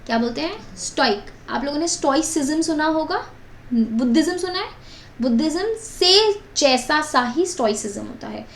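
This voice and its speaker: A young woman teaches vocabulary in a chatty, repetitive way with plenty of asides. Her voice sits a little high and has a gravelly edge. It is recorded in an echoey room with faint background noise. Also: expressive, moderate pace. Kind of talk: vocabulary lesson in mixed Hindi and English.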